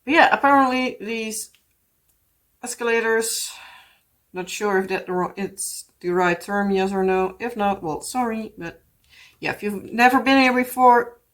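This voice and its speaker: This craft vlogger, a woman whose native language is Dutch, speaks with a Dutch accent at a measured pace and medium pitch. Her casual chat meanders, peppered with "like" and "yeah."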